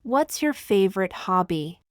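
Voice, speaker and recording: Woman, lesson read-out, very slow and careful, smooth clean voice, dry sound. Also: medium pitch, sing-song, no echo. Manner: slow, deliberate, one phrase at a time. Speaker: language teacher. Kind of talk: reading example phrases for learners.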